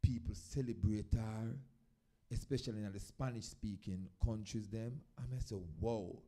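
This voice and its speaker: A dub poet with a Jamaican accent warms up the audience at a live event, telling stories in Patois through short, emphatically rising phrases. His fairly low voice is warm and steady, with a moderate pace.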